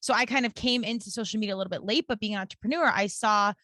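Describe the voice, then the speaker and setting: A woman in her early forties hosts a casual podcast, chatting earnestly and peppering her speech with "like." Her mid-range voice is sharp and very fast, recorded with clean studio sound and no echo.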